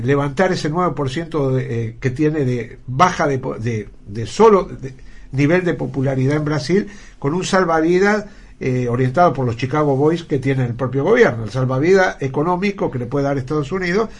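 A man giving indignant political commentary on a radio panel, often pausing on fillers as he talks. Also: on the high side. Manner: indignant, halting with frequent fillers.

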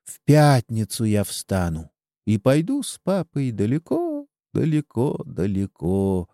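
A man's voice: mid-range voice, very animated, a little slow, mellow, no echo, clean studio sound. A man doing a small feverish little boy. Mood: feverish, weak. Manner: pleading, childlike. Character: small sick boy longing for his father.

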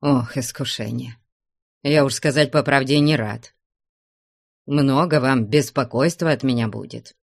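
A woman's voice: a bass voice, measured pace, vocal fry, dry recording, clean studio sound, exaggerated voice. A woman voicing a polite, modest middle-aged man visiting a convent. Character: middle-aged male guest, polite and easygoing.

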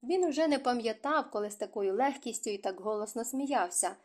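Woman narrating an audiobook, fairly high voice. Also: a little fast, darkish tone. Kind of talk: scripted narration.

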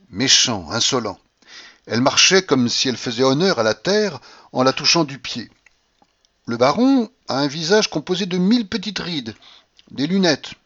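A man reading a classic novel aloud as an audiobook, with a dramatic, expressive delivery that acts out the scenes. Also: dull audio. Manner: dramatic, shifts pitch to act out scenes. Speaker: audiobook reader. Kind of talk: expressive literary narration.

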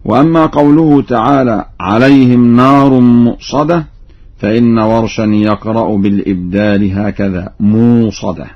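A man, a Quran reading scholar, giving a radio lesson on recitation variants, explaining plainly and then chanting verse examples slowly. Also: medium pitch, fairly even intonation. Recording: dull lo-fi radio recording.

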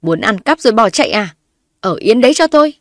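A woman's voice: medium pitch, fast talker, no echo, natural voice. A woman voicing a spiteful older mother-in-law who scolds and shrieks accusations, read in a dry recording. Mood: scolding.

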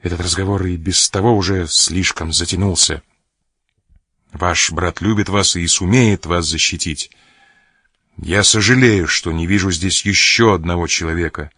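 A man voicing a proud, wounded male buccaneer who speaks with stern, measured reproach in an audiobook. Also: low-pitched, pushed and bright, slightly rough, no room sound, clean studio sound, full character voice. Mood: restrained.

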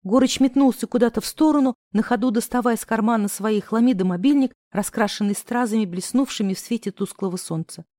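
A woman narrating a novel in the first person, expressive and acting out the other characters' lines. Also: a little high, fairly quick, hardly any pauses, no echo, clean studio sound. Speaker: audiobook narrator.

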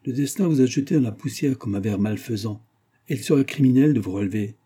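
A man's voice: mid-range voice, fast talker, warm tone, husky, natural voice. A man voicing a rich, contemptuous gambler who harshly refuses a ruined old man, raising his voice. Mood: angry. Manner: contemptuous, angry. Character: scornful rich male bank-holding gambler, harsh and proud.

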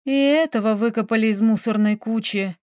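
A young noblewoman in an audiobook, put on by a woman reader, higher than the narration and pressing. She sounds plaintive and bitter, defiant underneath. The read is dry and close. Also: moderate pace, darkish tone, no room sound, natural voice. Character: young countess, emotional, defiant, tearful.

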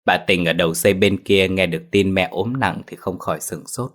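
A man reading a ghost story aloud in steady, dramatic narration. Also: deep voice, brisk.

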